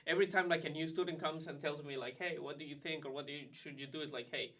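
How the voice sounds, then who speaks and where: A man, a graduate student ambassador, talking in a casual, animated, chatty way with lots of fillers. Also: on the high side, fast, distant mic. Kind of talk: casual conversation.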